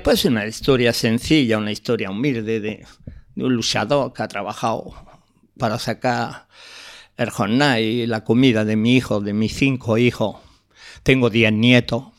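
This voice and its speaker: An older man, a guest poet telling heartfelt stories in a radio interview. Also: medium pitch. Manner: earnest, heartfelt storytelling with frequent restarts. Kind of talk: radio interview, reminiscing and introducing poems.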